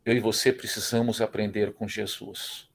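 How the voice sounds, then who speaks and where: A man's voice: lowish voice, level tone, moderate pace, vocal fry. A middle-aged man with a Brazilian Portuguese accent teaching a church Bible class, emphatic and repeating his phrases. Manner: emphatic, repeats phrases, acts out quoted dialogue.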